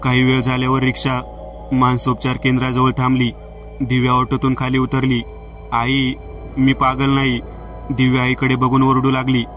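Flat-voiced male horror storyteller. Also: mid-range voice, a little fast. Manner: flat, even reading of all parts. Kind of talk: scripted horror story narration. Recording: distant mic with faint music.

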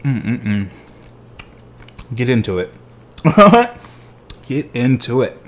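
Excited man tasting desserts on camera. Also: medium pitch, drawn-out words. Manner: exuberant, chatty, savoring each bite. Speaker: food vlogger. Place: living room at home.

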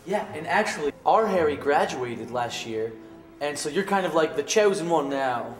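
A man's voice: a little high, lively intonation, moderate pace, natural voice. A man playing an awkward wizard fan with a fake British accent. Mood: eager. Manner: hesitant, filler-heavy. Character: nerdy young male wizard fan, awkward. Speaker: fan club member. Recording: echoey room, mic far off. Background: background music.

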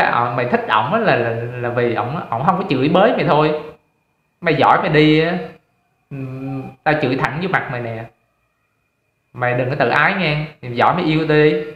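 A man's voice: mid-range voice, a bit bright, close to an everyday voice. Man playing a contemptuous young man, harsh scolding, dull roomy recording.

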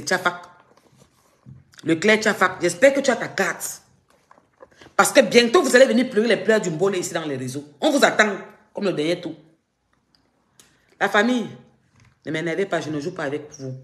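A woman's voice: low voice, reverberant. A woman with a Cameroonian French accent, ranting on a live stream in a taunting, mocking, threatening way. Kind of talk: confrontational live-stream rant.

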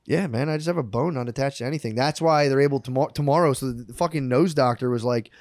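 A man's voice: mid-range voice, fast talker, darkish tone, no echo, studio quality. A man in his thirties co-hosting a podcast, telling loose, profane stories in casual comedic banter. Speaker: podcast co-host.

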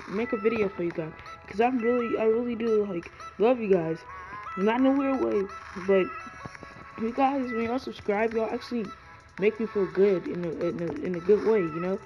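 A man giving earnest, rambling gameplay commentary from a cold garage, shivering and full of ums and likes. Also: sits high. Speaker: gaming YouTuber. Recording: dull lo-fi audio with loud music.

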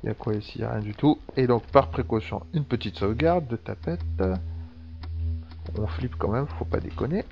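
A man's voice: mid-range voice, animated, brisk, creaky. Male let's-play commentator, casual, swears freely, muffled home recording. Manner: chatty, swears a lot, thinks aloud. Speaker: gameplay commentator. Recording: dull lo-fi sound with faint background ambience.

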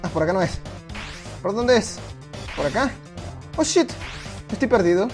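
With music playing in the background, a man hosting a gaming channel talks at normal speed in a high voice during a casual let's play at home. He's excitable, chatting with and reading aloud for the game characters, and yelps and swears under pressure.

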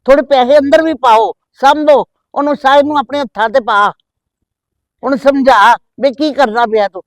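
A woman's voice: high-pitched, quick pace, no room sound, recorded from a distance, close to an everyday voice. A middle-aged woman playing a scheming mother who scolds and nags her married daughter in a scripted family skit. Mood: scolding. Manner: nagging, scolding. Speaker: mother on the phone.

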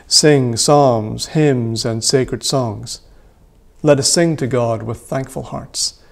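Solemn man reading liturgy, gravelly edge. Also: mid-range voice. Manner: measured, solemn reading aloud. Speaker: priest leading worship. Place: small church room by a window.

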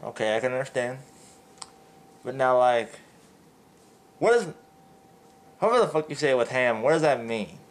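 A man's voice: medium pitch, animated, normal speed, long pauses. A man asking offhand, profane mock interview questions.

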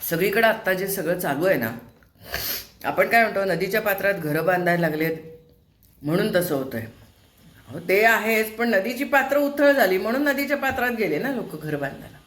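A woman's voice: medium pitch, expressive, moderate pace, a bit bright. An older woman chats as she cooks at home, firing off rhetorical questions in a mildly scolding, homely manner. Her voice rings in a roomy, echoing kitchen, and there is a faint hum of household ambience behind her. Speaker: home vlog host. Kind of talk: casual chat while cooking.

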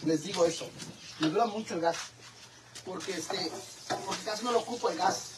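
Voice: mid-range voice, normal speed, noisy background. A cook with a Mexican accent chatting with viewers during a casual cooking live stream in a home kitchen, teasing and swearing freely. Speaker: cooking vlogger.

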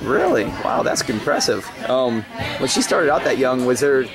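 Chatty interviewer over loud gym crowd. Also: medium pitch, normal speed. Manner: chatty, encouraging. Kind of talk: casual on-camera interview. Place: large indoor cheer gym. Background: loud crowd noise.

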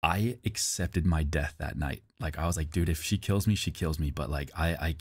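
A man's voice: rumbling low, normal speed, darkish tone, slightly rough, dry recording. A man streamer telling a long personal story in a rambling, casual way, often repeating himself and swearing.

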